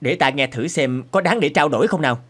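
In cartoon character acting, a man voices a burly middle-aged hunter who is gloating, mocking and suspicious, playing him in a theatrical, blustering style. His voice is on the high side and fairly bright, delivered briskly with faint music behind.

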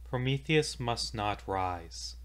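A man putting on a despairing, unseen presence that speaks from the dark in a soft, grave hush. The voice sits low and quiet, with a bright, forceful edge under the murmur, like a storybook spirit pleading with the heroes. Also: animated, slow pace, smooth.

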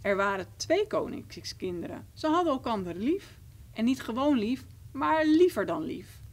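A woman reading a romantic children's fairy tale aloud, expressive and rhythmic. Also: on the high side, normal speed. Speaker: storyteller. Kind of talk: children's story read aloud.

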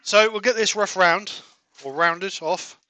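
A man's voice: high voice, measured pace, pushed and bright, no echo. A man hosting a casual woodturning livestream from his workshop, chatting and laughing easily while he works at a lathe. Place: home workshop at a wood lathe.

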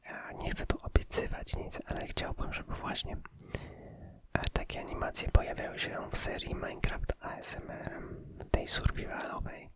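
A man giving a casual ASMR channel update in a soft, unvoiced whisper, phrasing things hesitantly. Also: moderate pace.

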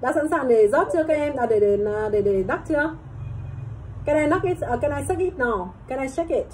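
Woman teacher, high voice, slow repeated questions, faint room ambience. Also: animated, a little mellow, slight background noise, rough recording. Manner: asks the class questions and repeats measurements slowly. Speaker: English and bartending teacher. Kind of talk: classroom lesson mixing Vietnamese and English.

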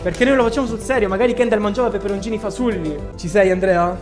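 A young man chatting casually and excitably to his livestream viewers from a small room. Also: sits high, quick pace, music in the background. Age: young adult.

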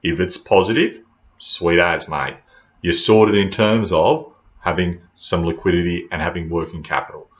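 A man teaches informally from a small room in a fairly low voice. He is blunt and colloquial, restating his points for emphasis. The webcam sound is a little dull. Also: fairly even intonation, moderate pace, few pauses. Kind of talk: informal classroom lecture to camera. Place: small indoor room at home or office. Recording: slightly dull webcam audio.

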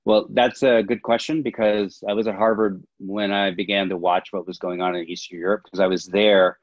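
A man's voice: on the low side, level tone, brisk, no echo. A man in his fifties, a film director and history professor, giving long reflective answers in a video-call interview. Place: small home room indoors. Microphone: laptop webcam on video call. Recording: dull lo-fi video-call audio.

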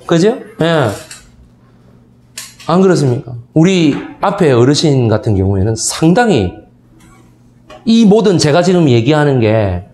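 A man's voice: on the high side, slight background noise. A man in his thirties giving a history lecture to seniors. He tells stories and keeps asking the audience for agreement. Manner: animated storytelling, asks the audience for agreement. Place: lecture hall. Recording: echoey hall.

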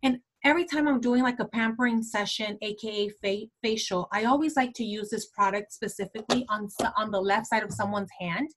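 A woman in her twenties who leads a beauty sales team gives her team a casual product training talk. Her mid-range voice moves fairly quickly with few pauses, chatty and packed with fillers like "like" and "um," over a little hiss or hum.

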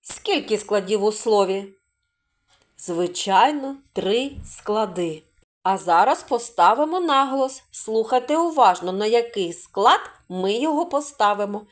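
A woman with a medium-pitched, expressive voice teaches a literacy video lesson for preschool children. She's patient, slow and singsong, stretching out sounds as she sounds out words and asks the kids questions.

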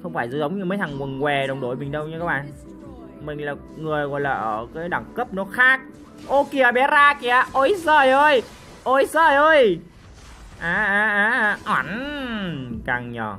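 Excitable man doing game commentary. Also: high-pitched, normal speed. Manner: excitable, full of exclamations and repeated cries; joking, boastful banter with viewers. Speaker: mobile game streamer. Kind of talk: live gameplay commentary. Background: game music.

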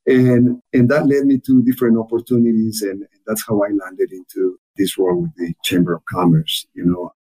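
A man's voice: fairly low pitch, level tone, normal speed, few pauses, mellow, husky, rough recording. A man from Ecuador with a thick Ecuadorian Spanish accent, a native Spanish speaker, talking earnestly as a podcast guest, often repeating words as he restarts. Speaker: guest, chamber of commerce officer. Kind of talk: podcast interview.

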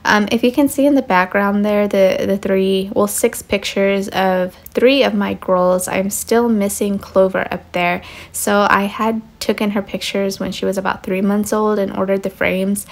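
Woman, home cleaning vlogger, casual voice-over, rambling, steady level tone, gravelly fry. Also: medium pitch, normal speed, hardly any pauses. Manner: relaxed, rambling, lots of fillers. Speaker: mother.

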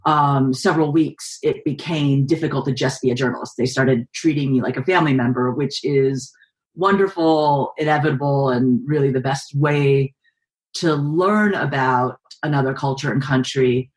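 An author and journalist in her forties from the San Francisco Bay Area answers interview questions over a video call from her living room at home. Her voice is extremely low, and she responds thoughtfully and steadily with frequent pauses, picked up by a webcam.

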